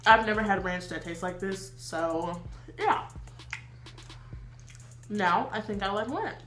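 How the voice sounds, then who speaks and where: A woman's voice: medium pitch, takes it slowly, fairly bright tone, roomy sound, soft background music. A 21-year-old woman chatting casually while eating for a mukbang vlog, with lots of fillers. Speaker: mukbang vlogger.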